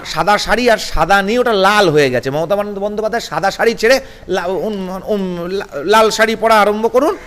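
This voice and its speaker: A man's voice: high voice, fairly bright tone, big-room sound. A man giving a heated political interview, combative and rhetorical, firing off grievances in bursts. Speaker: political guest.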